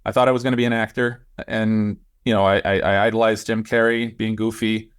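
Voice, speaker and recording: A man's voice: on the low side, level tone, fairly quick, clear, resonant tone. Easygoing male guest, self-deprecating. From Switzerland. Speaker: producer-director guest. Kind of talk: casual interview chat.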